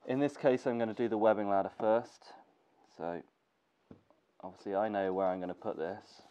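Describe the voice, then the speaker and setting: On the low side and at normal speed, his voice stays clear and resonant even though a cold has him congested. A young gear maker, he talks casually through a sewing tutorial in his workshop, relaxed and thinking aloud with fillers. Recorded as dull lo-fi camera audio with faint noise.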